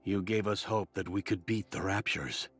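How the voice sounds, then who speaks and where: An actor voices a video game character, an earnest, admiring but cautious man who idolizes war heroes, speaking like an articulate storyteller. The voice is low, fairly bright and slightly rough at normal speed, with faint music behind.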